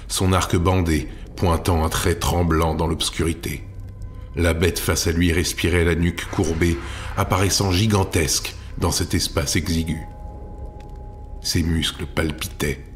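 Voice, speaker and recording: A man narrating a fantasy audiobook in a measured storytelling manner. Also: low voice, a little hiss or hum. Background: faint music.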